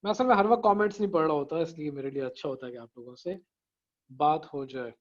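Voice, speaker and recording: A man's voice: on the high side, quick pace. Guy teaching a speaking class online, keeps asking "got it?", kinda dull lo-fi sound. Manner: conversational, mixes English phrases, frequent "theek hai" checks. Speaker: public speaking trainer. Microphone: video call.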